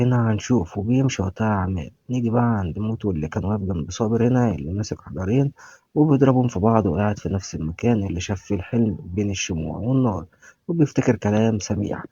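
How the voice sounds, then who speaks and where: A man's voice: on the low side, animated, rapid-fire, mellow, slightly rough, dry recording, muffled recording. A man with an Egyptian Arabic accent giving a casual recap of a TV series, retelling scenes and reading characters' lines aloud.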